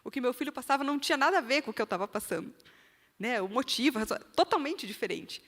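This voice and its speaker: A woman's voice: sits high, animated, quick pace, a bit bright. A woman with a Brazilian accent giving an earnest church testimony in sermon style, speaking straight to the listeners. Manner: earnest, direct appeals to the listener. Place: church hall. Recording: long reverb of a church hall.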